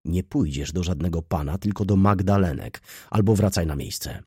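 A stern, brooding middle-aged merchant, terse and commanding, in a very low, dark and husky voice, as a male narrator reads him. His lines come quietly, even lower than the narration. The sound is close and dry. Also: moderate pace, no room sound. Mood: grave, stern.

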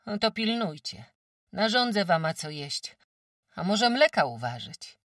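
A woman's voice: on the low side, big pitch swings, measured pace, a bit bright, no room sound, studio quality, recorded from a distance, pitched above the performer's own voice, heavily acted. A woman voicing a careworn peasant farm wife who talks emphatically in rustic speech, lamenting her troubles. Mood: brisk, kindly. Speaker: farm housewife.

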